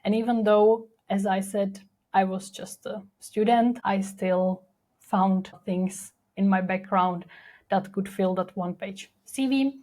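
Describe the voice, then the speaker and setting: A young Czech-accented woman hosts a podcast, telling her own story candidly and reflectively with frequent fillers. Her mid-range voice is warm and slow in this personal storytelling monologue.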